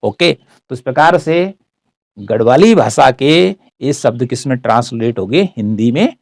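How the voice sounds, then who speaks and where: A man's voice: medium pitch, expressive, a little slow, darkish tone, no room sound, studio quality. A man explains words one by one as a teacher, often checking in with "ठीक है". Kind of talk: explanatory word-by-word lesson.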